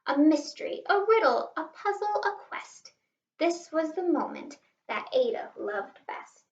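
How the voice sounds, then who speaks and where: High-voiced woman reading a storybook aloud. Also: a little slow. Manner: animated, asks listeners questions, stresses rhymes. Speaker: teacher reading a picture book aloud to children. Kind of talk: expressive children's storybook read-aloud. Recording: roomy, slightly distant, dull sound.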